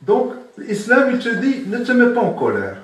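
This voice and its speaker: A man's voice: extremely high pitch, wildly swooping pitch, normal speed. A man giving a spoken religious lesson as a sheikh, asking his listeners questions and repeating his key points. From Morocco. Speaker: sheikh teaching Sufism. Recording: very echoey room, from far off.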